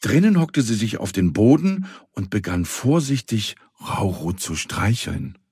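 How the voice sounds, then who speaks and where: A man reading a children's story in a calm voice and addressing the listener directly. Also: on the low side, measured pace, husky, dry recording, studio quality. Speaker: narrator.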